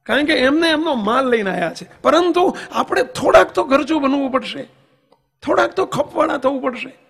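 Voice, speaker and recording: A man's voice: very high voice, animated, moderate pace, a bit bright, faint music behind. A man, a monk, giving a devotional sermon with emphatic rhetorical questions and anecdotes. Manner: tells anecdotes and sings verses. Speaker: monk preacher.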